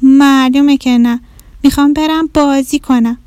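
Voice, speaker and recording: A woman's voice: high voice, fairly even intonation, a little mellow, no room sound, voice pushed up, lightly acted. A woman voicing a blunt, clever young mouse inventor in a children's storybook. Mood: offhand. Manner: blunt, offhand. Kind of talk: storybook narration.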